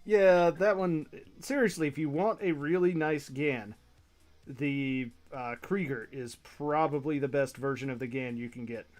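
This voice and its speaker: Relaxed man hosting a casual chat. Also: on the high side, measured pace. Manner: relaxed, laughs easily, enthusiastic about kits. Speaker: host of a build stream.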